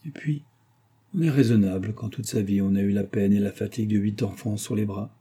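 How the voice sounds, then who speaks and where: A man's voice: lowish voice, steady tone, fairly quick, dark tone, slightly rough. A man voicing a proud young peasant woman, the miller's daughter, boasting of her suitor in a storybook reading. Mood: triumphant.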